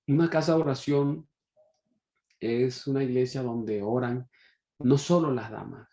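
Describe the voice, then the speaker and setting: Gravelly pastor telling a story. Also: male voice, medium pitch, a little slow, warm tone, reverberant. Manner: storytelling, acting out quoted voices. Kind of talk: sermon.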